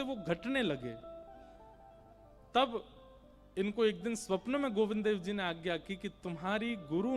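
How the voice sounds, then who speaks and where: A man with a high voice tells a devotional story with animated, dramatic delivery. He shifts between loud excitement and hushed reverence. Soft instrumental music plays faintly behind him.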